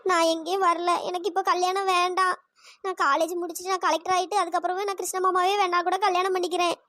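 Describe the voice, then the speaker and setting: A woman doing a tearful cartoon bride, high and quick. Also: little pitch movement, sharp tone, no room sound, clean studio sound. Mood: stubborn. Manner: tearful, pleading. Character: anxious young bride crying before her wedding. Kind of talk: cartoon storytelling voice.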